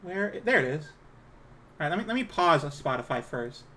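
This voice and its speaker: A woman with a low-set feminine voice chatting casually on a livestream, hesitant, apologetic and self-conscious in her manner. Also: sing-song, brisk, bright, forceful tone, slight background noise. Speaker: live streamer.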